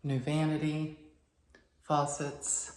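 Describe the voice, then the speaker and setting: Woman, slightly low voice, unhurried delivery, short listed phrases, matter-of-fact property tour narration. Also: flat delivery, darkish tone, poor audio. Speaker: property renovation presenter. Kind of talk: informal walkthrough narration. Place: inside a house, walking through rooms.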